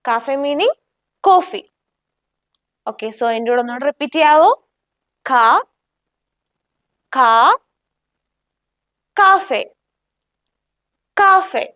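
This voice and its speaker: Slow high-voiced woman teaching German. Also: expressive, a bit bright, dry recording, clean studio sound. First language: Malayalam. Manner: slow, clear, repeats each word for the learner. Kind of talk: beginner language lesson.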